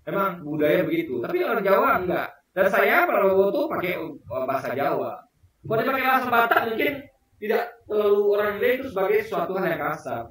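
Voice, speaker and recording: A man with a high voice talks straight to his viewers in a loose, emphatic commentary, throwing out rhetorical questions. He sounds distant from the mic, and the room rings with heavy echo. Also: sing-song, quick pace, fairly bright tone. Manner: emphatic, rhetorical questions, keeps addressing the audience. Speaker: political commentator. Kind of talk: casual spoken commentary to viewers. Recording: very echoey room, voice far from the mic.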